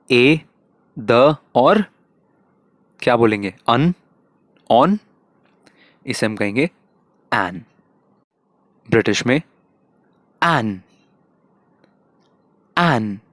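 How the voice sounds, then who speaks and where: A man teaching English pronunciation in a casual, explanatory lesson, repeating each word slowly to model it. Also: mid-range voice, no room sound, clean studio sound. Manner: slow, repeats words, models sounds.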